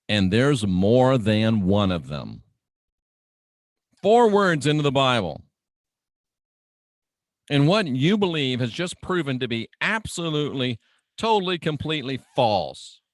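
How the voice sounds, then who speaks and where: Playing the showman, a radio host delivers an emphatic, deliberate monologue that sounds like a dramatic sermon, full of repetition and rhetorical questions for listeners. His medium-pitched voice is very animated, recorded at studio quality with no echo.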